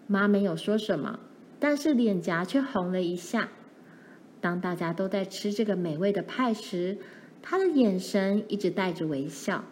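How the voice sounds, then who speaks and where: A woman narrating a children's storybook in a gentle, even reading style. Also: mid-range voice, moderate pace, a little hiss or hum.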